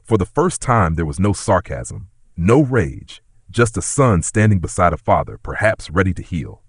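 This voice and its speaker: Deep-voiced man narrating a drama. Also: very animated, normal speed, husky, no room sound, studio quality. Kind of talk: scripted dramatic story narration.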